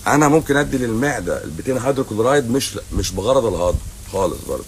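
A man's voice: medium pitch, lively intonation, rapid-fire, a little hiss or hum. A middle-aged man with an Egyptian Arabic accent, a doctor answering viewer questions on a livestream in a blunt, teasing, sarcastic way. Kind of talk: casual livestream Q&A. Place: hotel lobby at night.

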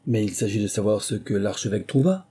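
A man's voice: lowish voice, animated, fast talker, mellow, breathy edge. A man voicing a smug know-it-all male duck who explains things in a lofty way.

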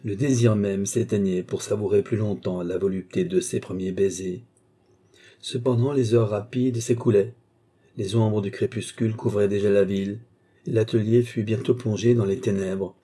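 A male narrator reads a nineteenth-century romance with measured, expressive phrasing. His voice sits low and sounds very dark and mellow, with a husky edge. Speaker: audiobook reader. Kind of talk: literary narration.

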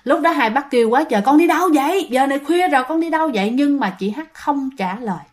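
Chatty woman telling ghost stories. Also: fairly high pitch. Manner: chatty, addresses listeners. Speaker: storyteller. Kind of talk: ghost story narration.

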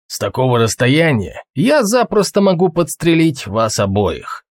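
A man voicing a one-eyed male thug who shouts taunts and threats. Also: fairly high pitch, big pitch swings, unhurried, dry recording, clean studio sound. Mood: taunting. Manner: shouting across distance, taunting.

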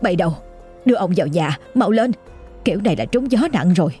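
A woman's voice: fairly low pitch, expressive, fast talker, warm tone, faint music behind, lightly acted. Woman voicing a brusque older village matron. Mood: urgent. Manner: brusque, scolding. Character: stern older village headman's wife.

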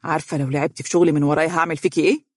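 Narrator doing a gentle, firm young husband. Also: mid-range voice, fairly even intonation, dry recording, studio quality, close to an everyday voice. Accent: Egyptian Arabic. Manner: gentle yet firm, quick. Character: calm, patient young husband.

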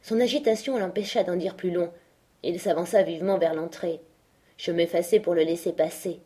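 A woman's voice: steady tone, moderate pace, mellow, breathy edge. A woman reading a classic novel aloud as scripted narration, raising her voice for the quoted speech. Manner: lifts her pitch and volume for quoted speech. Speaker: audiobook reader.

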